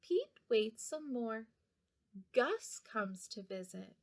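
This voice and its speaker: A woman's voice: on the high side, very animated, slow pace. A woman reading a picture book aloud for young children, addressing her young listeners directly. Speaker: children's storybook reader.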